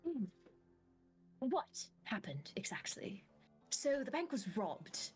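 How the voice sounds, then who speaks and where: A woman's voice: fairly high pitch, sing-song, takes it slowly, a little mellow, faint music behind. A woman co-playing a game on stream, giggly and playful in casual chat. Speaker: streamer co-player.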